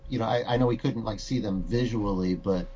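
A man co-hosting a podcast in casual chat, halting and full of fillers, joking around. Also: lowish voice, dark tone, muffled recording, a little hiss or hum. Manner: halting, filler-heavy, jokey. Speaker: podcast co-host.

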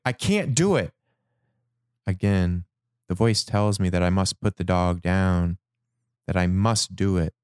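A man slowly reading his personal dream journal aloud in a measured, reflective way. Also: deep voice, a little mellow, smooth, dry recording, studio quality. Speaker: narrator.

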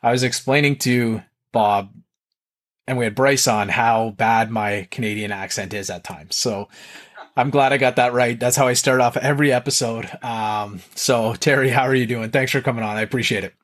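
Chatty, rambling podcast host. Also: male voice, medium pitch, moderate pace. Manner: chatty, rambling, with many fillers. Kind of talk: casual interview.

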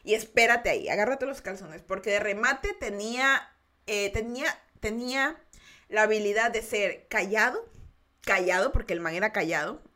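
A woman's voice: medium pitch, moderate pace, bright, forceful tone. A young adult woman with an Ecuadorian accent hosts a podcast, telling a story in a casual confessional way. She talks animatedly, giggles often, restarts her sentences and acts out other people's voices. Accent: Ecuadorian Spanish. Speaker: podcast host.

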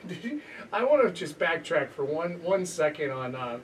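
A male podcast host with a somewhat high voice chats about sports in a loose, rambling way, restarting his sentences often. He sounds a little distant from the mic, over faint background noise. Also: big pitch swings, moderate pace. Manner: rambling, lots of restarts and laughter. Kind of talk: casual sports chat.

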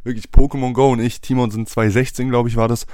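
A man's voice: medium pitch, level tone, quick pace, darkish tone, no room sound, studio quality. A young man in his twenties co-hosting a podcast in casual, slangy, rambling chat, laughing often. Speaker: podcast co-host.

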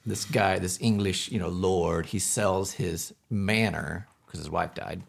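A young man chatting casually with friends, telling animated stories about his acting gigs. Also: low-pitched, unhurried, gravelly. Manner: animated storyteller. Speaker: community theater actor. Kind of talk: casual group chat.

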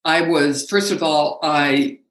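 A middle-aged woman, a speaking coach, talking animatedly as an interview guest, with frequent laughs and halting restarts. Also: low voice, roomy sound. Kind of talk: conversational interview.

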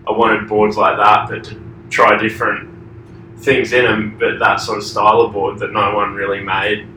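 A man's voice: on the low side, monotone, normal speed, pushed and bright. Laid-back Australian man in an echoey room. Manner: laid-back, trailing filler-heavy answers. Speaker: surfboard shaper, interview guest. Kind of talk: casual conversational interview. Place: echoey shaping room indoors. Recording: echoey distant room recording with faint noise.

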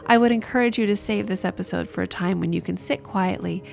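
A woman's voice: mid-range voice, quick pace, creaky, faint music behind. A woman hosting a podcast, reading a welcoming scripted introduction. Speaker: podcast host.

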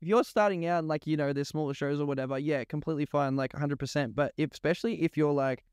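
A man's voice: on the high side, quick pace, a little mellow, clear, resonant tone, dry recording, clean studio sound. A man chatting casually as a podcast guest, blunt and sweary, peppering his talk with "like". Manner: blunt, slangy, sweary, says "like" constantly. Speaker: music artist being interviewed.

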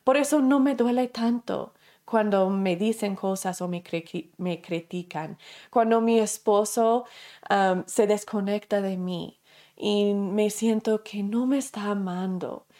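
A woman teaches a class at a middle pitch, neither high nor low. She talks it through conversationally, asking herself questions and acting out everyday examples, and corrects herself as she goes. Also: takes it slowly, mellow. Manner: explains through self-questioning and acted examples; conversational, with fillers and self-corrections. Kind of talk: spoken lesson to a class.

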